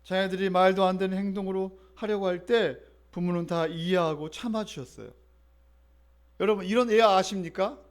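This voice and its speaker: A middle-aged male pastor delivers a sermon with a notably high-pitched voice. He talks conversationally and keeps turning to the congregation with questions and calls to respond. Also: fairly even intonation, moderate pace, clean tone.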